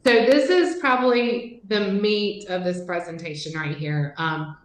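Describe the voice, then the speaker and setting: A woman's voice: mid-range voice, unhurried. Conversational woman literacy trainer with lots of fillers, recorded in an echoey room. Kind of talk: teacher training presentation.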